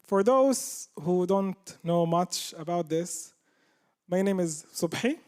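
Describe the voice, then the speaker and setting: Slow-talking high-voiced man. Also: lively intonation, a little mellow. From Palestine. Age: 30s. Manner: humorous, anecdotal. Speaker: speaker at a live talk. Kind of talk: personal storytelling talk to an audience.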